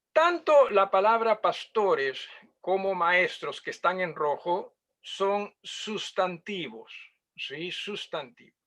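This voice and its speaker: Pastor teaching Bible grammar, high voice. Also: male voice, fairly bright tone. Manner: explanatory, checks listeners with frequent questions.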